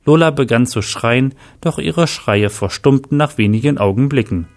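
A man reading a German crime-horror story aloud in a plain, even storytelling manner. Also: medium pitch, moderate pace.

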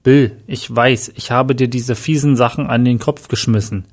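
A man's voice: mid-range voice, fairly even intonation, moderate pace, natural voice. A man voicing a cold, spiteful estranged mother in a read-aloud story. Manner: cruel, falsely sweet.

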